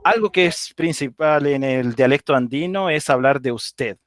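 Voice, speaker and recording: A man from Venezuela with an Andean accent, giving a relaxed live online talk on dialects and often checking in with "ok?". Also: mid-range voice, moderate pace, no room sound, clean studio sound. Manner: explanatory, informal, with frequent "ok?" checks and laughs. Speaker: guest speaker on dialects.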